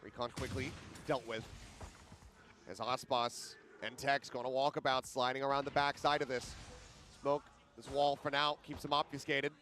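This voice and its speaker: A man doing esports caster play-by-play, dramatic, moving from measured narration to shouted calls. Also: medium pitch, little pitch movement, slight background noise. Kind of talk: esports caster live match commentary.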